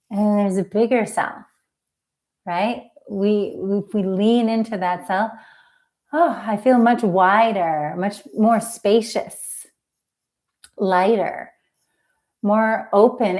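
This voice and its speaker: A woman hosting a live healing talk, speaking gently and reflectively with drawn-out words. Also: medium pitch. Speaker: emotional healing coach and host.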